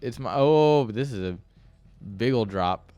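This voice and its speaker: A man's voice: medium pitch, animated, a little slow, mellow, no echo, dull audio. A man giving casual esports commentary with joking, sarcastic asides.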